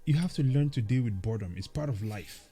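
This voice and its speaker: A man's voice: medium pitch, lively intonation, quick pace, warm tone, breathy edge, soft background music. A man co-hosting a casual chat show, talking animatedly and preachily, often tagging his points with "man" and "okay". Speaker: podcast co-host.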